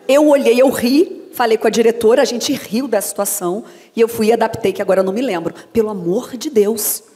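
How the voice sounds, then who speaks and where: Brazilian woman telling stories in a hall. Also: a little high. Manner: lively storyteller acting out anecdotes. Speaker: voice actress and dubbing director. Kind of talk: lecture talk to an audience. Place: lecture hall. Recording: long reverb of a hall.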